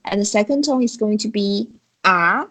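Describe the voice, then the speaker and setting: Speaking a little fast in a medium-pitched, slightly mellow voice, a woman teaches a beginner Chinese lesson on a video call. The recording is low quality. Her manner is patient and coaxing, and she guides her student by asking questions.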